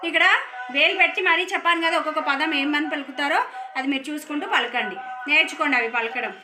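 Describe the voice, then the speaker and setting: A woman teacher giving a lesson to young children, reading words out slowly and clearly one by one. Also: sits high, fairly even intonation, music in the background. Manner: slow, clear word-by-word reading.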